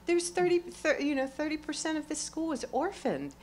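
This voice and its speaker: A middle-aged woman talking onstage at a live event, exuberant and profane, swinging from quiet remarks to loud exclamations and laughing often. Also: high-pitched, expressive, normal speed, a little hiss or hum. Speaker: award honoree speaking onstage. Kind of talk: lively onstage conversation with profanity.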